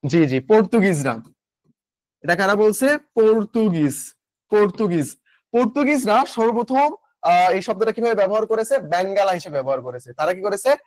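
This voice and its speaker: A man's voice: high-pitched, sing-song, brisk, dry recording. A young man with a Bangladeshi Bengali accent teaching a live online class, chatty, asking and answering his own questions and reading out student comments. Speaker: online admission-coaching teacher.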